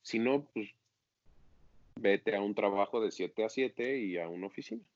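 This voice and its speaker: Animated man, dry dull sound. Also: fairly low pitch, moderate pace, no room sound. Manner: animated, acts out his own self-critical inner voice. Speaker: actor being interviewed. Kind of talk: casual interview talk.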